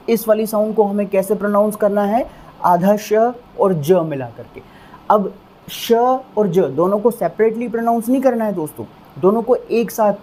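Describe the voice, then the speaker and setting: A man teaching English vocabulary in Hindi, explaining patiently and drilling each word with slow repetitions. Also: sits high, a little mellow, slight background noise.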